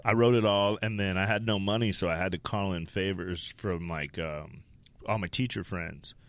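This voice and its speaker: A man's voice: sits low, steady tone, moderate pace. A man from Wyoming, a stand-up comedian, telling rambling, profane stories as a podcast guest. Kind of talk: casual interview storytelling.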